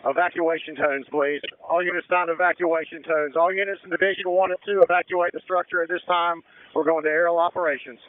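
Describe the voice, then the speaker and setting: A man commands a fire scene over two-way radio. His voice is high-pitched and smooth, coming through a dry, narrow radio band. He speaks in brisk, procedural orders. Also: steady tone, no echo. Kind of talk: emergency radio dispatch commands.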